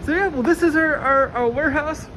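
High-pitched and a little fast, a woman casually guides a walking tour around a large warehouse, chatty, eager and full of fillers. She films on a handheld phone while walking, with the warehouse's noisy ambience in the background.

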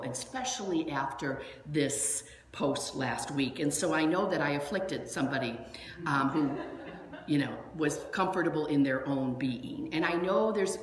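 A woman minister giving a sermon in a church, chatty and animated, telling stories with lots of asides. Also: sits low, slight background noise. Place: church sanctuary. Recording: echoey hall with long reverb.

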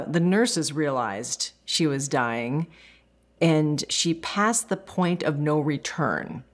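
Woman moderator, very low voice, measured and direct questions, recorded in a book-lined room. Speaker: guest moderator. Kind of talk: interview questions.

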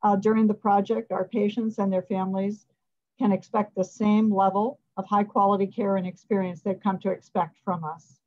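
A middle-aged woman, a hospital president, giving prepared remarks at a media briefing over a video call from an office, measured and formal. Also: medium pitch, level tone, darkish tone. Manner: measured, formal, reading from notes. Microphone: video call webcam. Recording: dull lo-fi video call audio.

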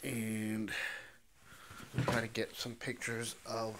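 A man's voice: fairly low pitch, monotone, slow pace, fairly bright tone, slight background noise. A man reselling storage-unit finds, talking through an online listing step by step and thinking aloud as he types. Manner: talks to himself while typing, thinking aloud. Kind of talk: screen-recorded listing walkthrough.

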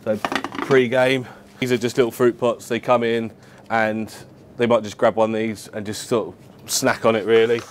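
A man's voice: medium pitch, level tone, moderate pace, slight background noise. A man, a chef explaining his work casually and matter-of-factly to camera. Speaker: head chef at a football club. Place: indoors, club kitchen and dressing room.

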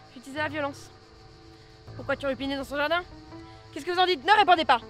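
A woman's voice: high-pitched, natural voice. A woman playing an indignant driver caught in a chase in an amateur comedy film, with music underneath. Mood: exasperated. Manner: fast, indignant, pleading.

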